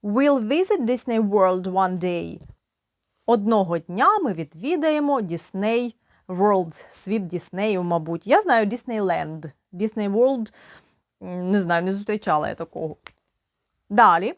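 A woman's voice: mid-range voice, expressive, no echo, studio quality. Patient Ukrainian woman teaching grammar. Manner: clear, patient drilling with slow English examples. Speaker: English teacher. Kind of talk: grammar lesson.

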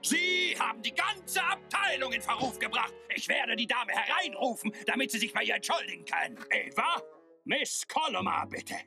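A man's voice: extremely high pitch, big pitch swings, moderate pace, vocal fry, heavily acted. A man voicing an irate, blustering skeleton boss who barks indignantly in a dubbed video game. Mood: furious. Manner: barking, blustering. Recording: game audio with music behind.

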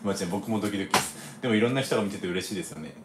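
Fast-talking man hosting a casual livestream. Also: lowish voice, echoey room, background noise. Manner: relaxed, chatty, laughs often, frequent ね fillers. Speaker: livestream host, former baseball pitcher. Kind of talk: casual live chat reading viewer comments.

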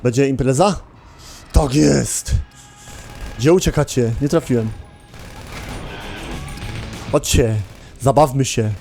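A man's voice: medium pitch, slow, creaky, long pauses, mellow, faint music behind. A man hosting a gaming channel, giving casual gameplay commentary, chatting to his viewers and swearing often.

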